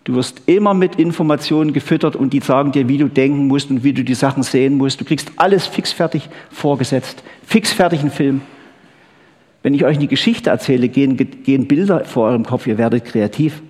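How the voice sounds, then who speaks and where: A man's voice: mid-range voice, a little fast, a little mellow. A man preaching a chatty sermon, often checking in with the crowd with "gell?" and "ha?". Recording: long hall reverb.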